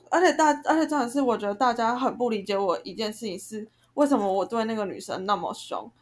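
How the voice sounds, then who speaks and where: A young woman, co-hosting a casual chat and ranting heatedly about a group conflict. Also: fairly high pitch. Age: young adult. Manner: heated, ranting, animated storytelling. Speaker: podcast co-host.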